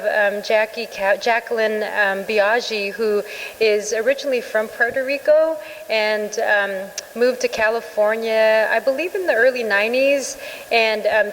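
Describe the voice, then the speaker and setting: A woman introducing the artists at an art show in an informal way, with many fillers. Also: mid-range voice. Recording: long reverb in a hall.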